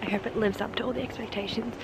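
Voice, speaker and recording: A young woman in her twenties vlogs her travels to a handheld camera at arm's length, chatty and upbeat, narrating casually. Her voice is a little high with fairly even intonation and a very fast pace, mostly outdoors on city streets but sometimes indoors, with street noise and traffic behind.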